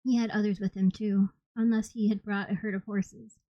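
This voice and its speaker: A woman reading a novel aloud in the first person, steady and plain. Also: mid-range voice, normal speed, dry recording. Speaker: audiobook reader. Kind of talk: first-person audiobook narration. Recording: slightly dull, dry recording.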